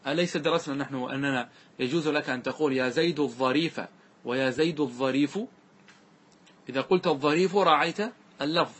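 A man's voice: on the high side, a bit bright, a little hiss or hum. A man teaching a grammar lesson in a classroom-lecture style, explaining step by step and often checking that his students follow. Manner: recites verses slowly and deliberately.

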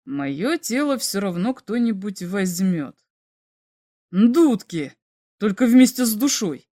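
A woman voicing a young male starship captain who speaks in a sharp, defiant way. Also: medium pitch, very animated, slow, dry recording, clean studio sound.

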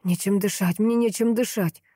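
A woman voicing a stern, wealthy older man who talks gruffly and later wheezes for air. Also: mid-range voice, steady tone, moderate pace, warm tone, no echo, clean studio sound, lightly acted. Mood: gasping. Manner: gruff, then wheezing and gasping.

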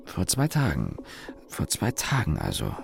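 Speaking with a very deep voice, vocal fry and huge pitch swings, a man gives a heavily acted, confiding performance as a wry young engineer. He is the narrator and lead actor of a German radio play, delivering a reflective monologue as a sardonic company employee recalling his father, deliberate and full of pauses and self-corrections.

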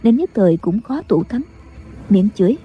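A woman narrating a martial-arts audiobook in a steady storytelling manner. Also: mid-range voice, moderate pace, narrow, tinny audio, slight background noise. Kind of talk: scripted narration. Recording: with background music.

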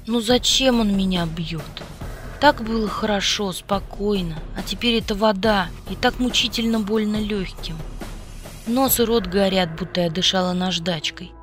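A woman's voice: mid-range voice, moderate pace. A woman narrating a story in the first person, in an intimate storytelling manner. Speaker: audiobook reader. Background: faint music.

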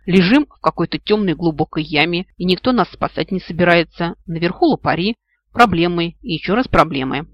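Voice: medium pitch, expressive, brisk, muffled recording, close to an everyday voice. A reader doing the glum right brain half. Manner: glum, sighing. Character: pessimistic sighing half of the heroine's brain.

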